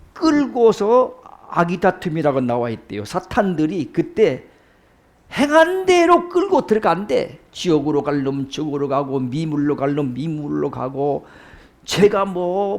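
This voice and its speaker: A man preaching a sermon in an animated way, often tossing rhetorical questions to his listeners. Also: sits high, gravelly.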